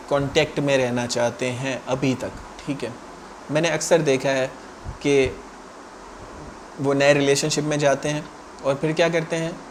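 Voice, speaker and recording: A man at an ordinary mid pitch talks his viewers through relationship advice, leaning hard on each point and checking in with quick asides. A faint noise sits under the voice. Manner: emphatic, repeats "theek hai" as a check-in. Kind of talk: direct-to-camera advice talk.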